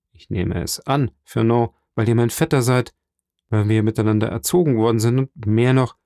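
A proud, steadfast young fisher girl, as a male audiobook reader puts her on in a lifted, earnest voice. She speaks with firm conviction, refusing calmly but without yielding. The sound is dry and close, with no room around it. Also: creaky, no room sound, lightly acted. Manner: raised pitch, earnest pleading tone. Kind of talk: audiobook reading.

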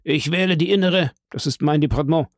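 A man voicing a police brigadier in an audiobook, giving deliberate orders. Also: fairly high pitch, no room sound, studio quality, voice pushed up. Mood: commanding. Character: gruff police brigadier, authoritative and brisk.

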